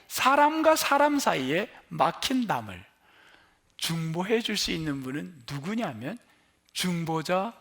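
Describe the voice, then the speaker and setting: Male pastor, middle-aged, lively sermon delivery, high voice that rises and falls widely, quizzes his congregation. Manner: animated, questioning the congregation and answering himself.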